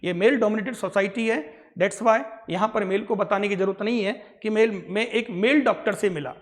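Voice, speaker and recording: A man's voice: high-pitched, normal speed, in a large hall. A male English grammar teacher gives a classroom lecture in Hindi mixed with English. He keeps repeating answers and checking in with short tag questions. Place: coaching classroom.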